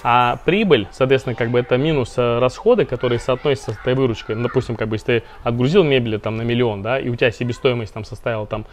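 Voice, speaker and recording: A man's voice: mid-range voice, racing, few pauses, faint music behind. A man, founder of a finance company, explaining money matters in a casual interview with lots of fillers and restarts.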